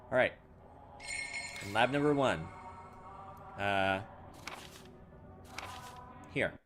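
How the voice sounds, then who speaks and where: A let's play gamer with a medium-pitched, somewhat bright voice works through a horror game, voicing its text as he reads. He muses aloud, loses his bearings, and ribs himself for his errors.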